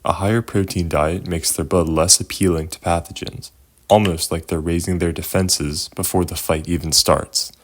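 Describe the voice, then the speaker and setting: Guy with a really low voice reading a science explainer, measured. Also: fairly even intonation, a little hiss or hum. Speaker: co-presenter. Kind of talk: scripted educational narration.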